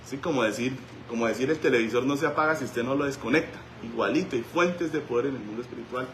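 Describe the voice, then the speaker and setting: A man, a pastor preaching a sermon in a church and telling stories with sudden shouts. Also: medium pitch, fast, slight background noise. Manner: animated storytelling, voice rising to shouts. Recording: echoey church room.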